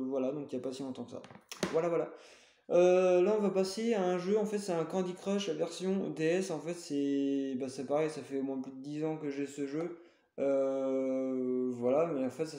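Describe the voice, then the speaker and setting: A man's voice: fairly high pitch, mellow, roomy sound. A man showing his game collection in a casual, hesitant way, full of fillers and self-corrections. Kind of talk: casual show-and-tell.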